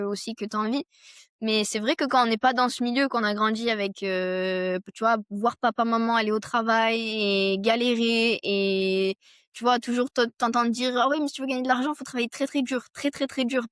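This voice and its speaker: A young French woman, an entrepreneur appearing as a podcast guest, speaks in a fairly high, slightly bright voice. She talks things through in long, winding stretches packed with fillers, in a casual conversational interview. The studio recording is clean, with no echo.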